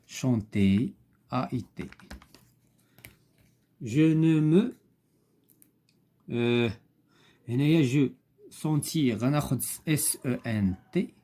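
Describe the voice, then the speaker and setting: Moroccan male teacher, mellow voice. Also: medium pitch. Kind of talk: explaining homework step by step.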